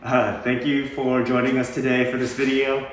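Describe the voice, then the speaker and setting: A man giving a casual, low-key walk-through house tour as a real estate agent, tentative and mildly approving. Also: little pitch movement, moderate pace. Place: inside a mostly empty house, walking through. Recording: echoey empty rooms, distant mic, background noise.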